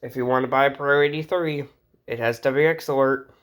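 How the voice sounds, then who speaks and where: Speaking briskly with fairly even intonation, a mid-pitched American vlogger rambles casually in his bedroom about his radio collection. It's unscripted home-video talk full of jokes and easy detours.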